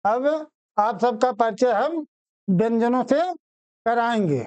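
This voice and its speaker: A man teaching an exam-prep grammar lesson, calling his students children and repeating each phrase slowly so they can write it down. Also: extremely high pitch, darkish tone, no echo.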